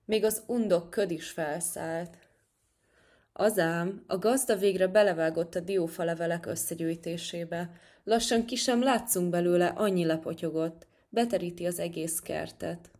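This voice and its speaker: A woman narrates a children's animal tale at a calm, gentle pace. Her voice sits a little low for a woman and stays even and friendly. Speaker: storyteller. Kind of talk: reading a children's story aloud.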